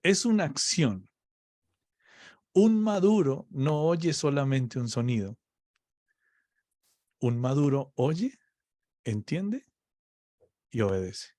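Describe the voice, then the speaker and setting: A man's voice: mid-range voice, animated, warm tone, no room sound, studio quality. A man teaching on faith in a conversation, explaining patiently and often checking "ok?" with his listener. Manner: slow, explaining, checks understanding with "¿ok?". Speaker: preacher.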